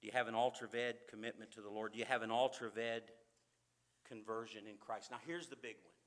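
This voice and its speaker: A man preaching a sermon in a church, fervent, swinging from loud emphasis to quiet asides. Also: on the low side, little pitch movement, fast talker.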